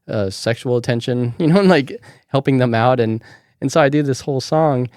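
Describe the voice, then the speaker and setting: A man's voice: mid-range voice, a little fast, darkish tone, no room sound, studio quality. Chatty man hosting a podcast. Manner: chatty, loose storytelling with many "like"s. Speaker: podcast host. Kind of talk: casual chat.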